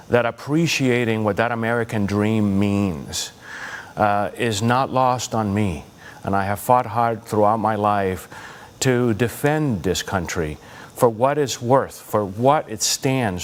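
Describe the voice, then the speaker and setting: A man from Cuba answering a debate question in an earnest, personal way. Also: medium pitch. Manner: earnest, personal, some hesitation. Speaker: debate candidate.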